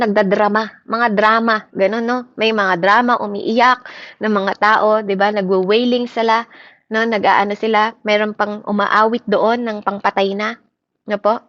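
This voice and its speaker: A woman preaching a sermon in mixed Tagalog and English, animated, often checking in with "di ba?" with her listeners. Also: mid-range voice, no room sound. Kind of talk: Taglish sermon. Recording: muffled lo-fi sound.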